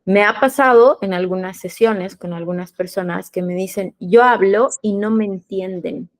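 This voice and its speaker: A podcast host interviewing a guest lays out her ideas like a teacher, asking rhetorical questions and then answering them. She speaks in a mid-range voice at normal speed.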